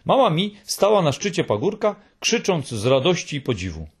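A man narrating a children's storybook in an expressive reading style. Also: on the high side, moderate pace, breathy edge.

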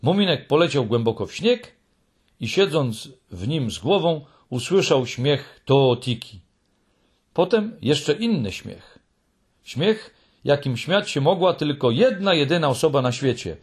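A man narrating a children's tale in an expressive, dramatic way. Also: fairly high pitch, unhurried, slightly rough.

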